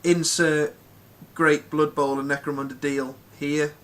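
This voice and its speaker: A man's voice: a little high, little pitch movement, a little slow, a bit bright. A man hosting a casual live chat, rambling with plenty of ums and restarts. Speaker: podcast host.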